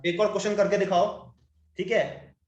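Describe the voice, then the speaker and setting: A man teaching an online class, guiding his students patiently and calling them "beta". His voice sits high and rings in an echoey room. He spells out letters one at a time as he explains. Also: little pitch movement, normal speed, a little mellow, highs cut off, faint music behind.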